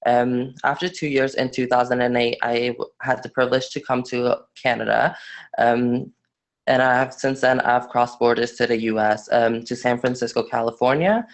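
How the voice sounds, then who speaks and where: A nineteen-year-old man from Afghanistan giving a student webinar presentation, halting with frequent fillers and restarts. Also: mid-range voice.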